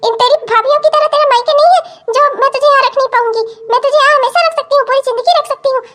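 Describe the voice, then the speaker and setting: A woman voicing an older cartoon mother who rushes to defend her daughter. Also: very high voice, steady tone, fairly bright tone, pitched above the performer's own voice. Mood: indignant. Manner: fussing, indignant, quick.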